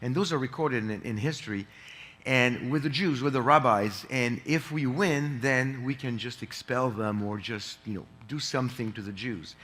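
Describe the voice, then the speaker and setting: A man speaking at a conference, telling a long joke with lively swings and frequent restarts. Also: mid-range voice, moderate pace. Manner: animated storyteller, frequent restarts. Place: large conference hall. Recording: echoey conference hall.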